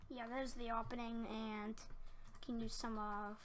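A woman's voice: a little high, little pitch movement, unhurried, a little hiss or hum. A woman giving chatty Let's Play commentary at her computer, easily flustered and breaking into outbursts when under attack, with keyboard typing behind her. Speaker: gaming channel host.

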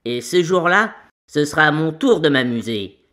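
Spiteful little storybook witch, thin sour shrill voice, taunting, done by a man. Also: animated, moderate pace, bright, forceful tone. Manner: sneering, taunting. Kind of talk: storybook character reading.

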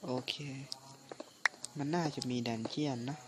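A man doing casual gameplay commentary in a halting, muttering way, his voice phlegmy from recovering from flu. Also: a little high, heavy background noise. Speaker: gaming channel host.

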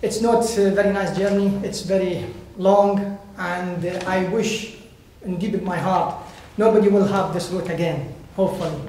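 Speaking at a lectern to a seated audience in a bright indoor hall, an Iraqi volunteer guest speaker shares personal testimony in halting English, searching for words. His Iraqi Arabic–accented voice is high-pitched, steady and darkish. Heavy echo fills the recording, along with faint background noise.

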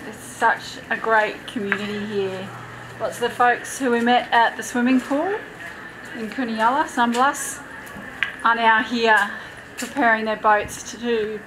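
Tired, chatty woman vlogging at a marina. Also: a little high. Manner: chatty, practical, a bit tired. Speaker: sailing vlogger. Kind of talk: casual vlog narration. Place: outdoors at a marina, on a sailboat. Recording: loud outdoor background noise.

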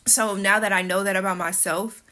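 With a mid-range, pushed and bright voice, fairly even intonation and a brisk pace, a young vlogger tells a story straight into her close-held phone camera. She has a speech impediment, is blunt and candid, curses casually, and is indoors in her kitchen and living room.

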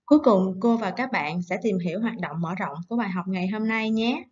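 A woman teacher giving a recorded lesson to young children, coaxing and gentle, slowing down to read words aloud. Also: medium pitch, highs cut off. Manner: gentle, coaxing, slow syllable-by-syllable dictation. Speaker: primary school teacher.

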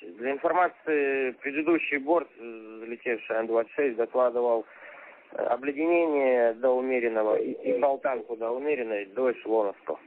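Male air controller on tinny radio. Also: medium pitch. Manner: measured, formulaic controller phraseology. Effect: air traffic control radio transmission. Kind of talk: air traffic radio exchange. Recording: tinny radio channel with faint static.

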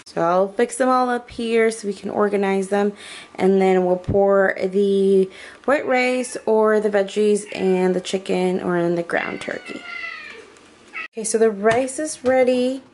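A woman's voice: medium pitch, unhurried, a little mellow, slight background noise. A woman talking casually through her meal prep in a home kitchen, chatty and a little hesitant, often correcting herself. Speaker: vlogger.

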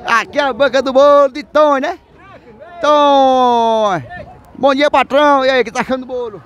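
High-voiced vlogger man. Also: normal speed, lo-fi sound. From Northeast Brazil. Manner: lively, chatty, greets vendors loudly. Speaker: vlogger host. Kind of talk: casual market street vlog. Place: busy outdoor street market. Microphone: handheld phone camera. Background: market crowd chatter.

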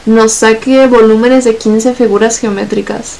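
A young woman with a Mexican accent chatting casually on a stream, blunt and swearing a lot, talking in long rushed runs. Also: a little high, steady tone, creaky, darkish tone, low-quality recording. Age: young adult. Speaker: guest on a gameplay stream. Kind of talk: casual chat.

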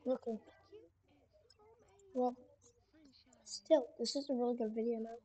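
A woman's voice: a little high, fairly even intonation, a little slow, dark tone. A woman casually chatting and reacting to funny videos on an online call.

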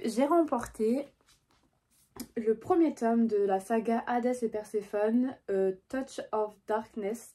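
A young woman with a husky, slightly breathy voice talks through her book haul in a relaxed vlog. She chats in a hesitant way, full of small fillers and restarts. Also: medium pitch. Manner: chatty, hesitant with many fillers. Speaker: book vlogger. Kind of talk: casual book haul chat.

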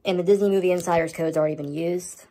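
An American host talks fast in a mid-range, warm, steady voice, filming a casual vlog indoors at home with a handheld camera. It's a show-and-tell update on their home media collection, with items held up for viewers.

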